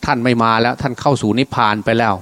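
A man's voice: medium pitch, fairly even intonation, very fast, fairly bright tone. Man, a monk telling a sermon story. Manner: colloquial, acts out dialogue in his own voice. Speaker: Buddhist monk giving a Dhamma talk.

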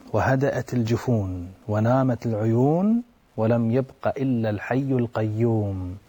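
A man delivering an Arabic religious sermon, dramatic, slowing for quoted prayers and verse. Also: on the high side, a little mellow. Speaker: preacher.

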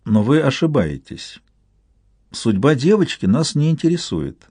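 A man's voice: medium pitch, very animated, warm tone, slightly rough, dry recording, voice pushed up. A man voicing a stern, determined young woman who speaks firmly and coolly. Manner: firm, measured, cool.

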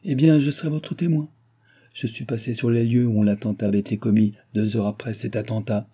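A man voicing a fawning, anxious old countess in an audiobook reading, with a husky voice. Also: medium pitch, fairly even intonation, fairly quick, mellow, lightly acted. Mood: effusive.

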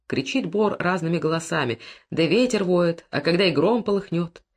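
A woman narrating a classic prose audiobook with expressive storytelling. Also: on the low side, normal speed.

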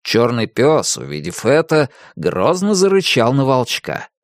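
A man narrating a children's storybook in an even, expressive reading. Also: medium pitch, measured pace, no room sound, studio quality. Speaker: audiobook narrator.

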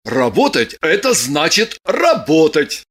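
A woman reading an audiobook voices a calm, firm man who teases his lover with dry mockery. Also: sits low, unhurried, pitched below the performer's own voice, heavily acted. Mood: insistent. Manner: calm, firm, dryly mocking. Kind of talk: audiobook character voice.

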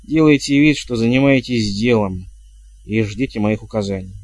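Man voicing stern old witch woman, curt, bossy, lower voice. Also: moderate pace, gravelly, no echo. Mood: commanding.

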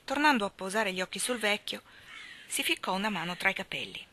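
A woman reading a literary story aloud in a calm, measured, expressive way. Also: mid-range voice, slight background noise. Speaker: reader.

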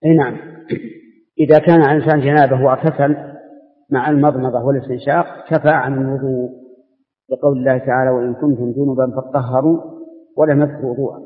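An older man answers questions as a religious scholar, laying out each point slowly and methodically. His voice comes through a thin, phone-like old tape, wrapped in the long reverb of a large hall. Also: medium pitch, level tone. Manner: measured, explanatory, restarts words. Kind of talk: open Q&A ruling session.

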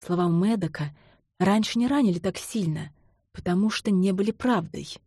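A woman narrating a novel in the first person, in a measured, intimate storytelling manner. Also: medium pitch, mellow, husky, no room sound, clean studio sound. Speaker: audiobook narrator.

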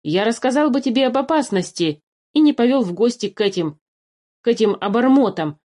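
A woman voicing a hot-tempered young boy who accuses and argues loudly. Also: fairly high pitch, animated, fairly quick. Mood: hesitant, stubborn. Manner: loud, indignant, accusing.

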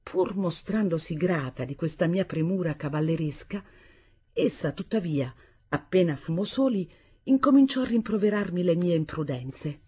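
A woman reads a literary novel aloud in a lowish, husky voice. Her pacing is measured and expressive, recorded close on a studio microphone. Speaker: audiobook reader. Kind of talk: literary audiobook reading.

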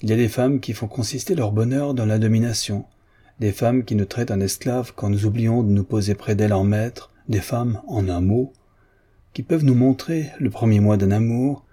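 A man's voice: lowish voice, normal speed, warm tone, husky. A man doing an impetuous dashing chevalier. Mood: smooth, ironic. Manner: assured, impatient. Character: impetuous dashing male chevalier, vain and proud.

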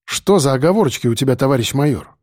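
A man's voice: medium pitch, lively intonation, quick pace, a little mellow, no echo, studio quality, close to an everyday voice. Man doing a nervous, evasive police chief. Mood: defensive. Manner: defensive, muttering.

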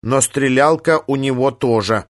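A man reading an audiobook, voicing a calm alien poet and philosopher who speaks slowly in simple, detached phrases. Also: medium pitch, no echo, clean studio sound, close to an everyday voice.

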